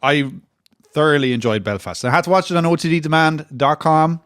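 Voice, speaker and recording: Dude rambling on a podcast, kinda high pitched, super dry close sound. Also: male voice, lively intonation, brisk, fairly bright tone, no echo. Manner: rambling, indignant, mock-defensive. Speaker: wrestling podcast co-host. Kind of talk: casual banter.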